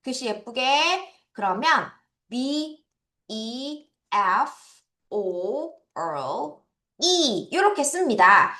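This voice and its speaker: Korean woman, English teacher, slow deliberate drills, pronunciation corrections, echoey room. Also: on the high side, sing-song, sharp tone. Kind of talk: vocabulary lesson for children.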